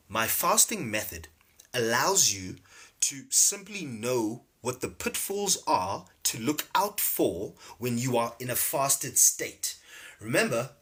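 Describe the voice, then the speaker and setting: A man teaching casually on a livestream, animated, repeating words and laughing often. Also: medium pitch. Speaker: spiritual teacher streaming live. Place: home livestream setup.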